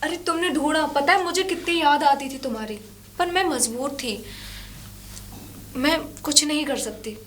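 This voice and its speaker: Woman acting as a young married woman, high voice, pleading, defensive, crime drama. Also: normal speed, fairly bright tone, a little hiss or hum. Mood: tender. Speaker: actor.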